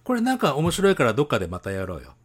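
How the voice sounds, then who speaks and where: A man co-hosting a casual podcast chat, animated and teasing, laughing often. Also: medium pitch, rapid-fire, husky. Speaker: podcast co-host.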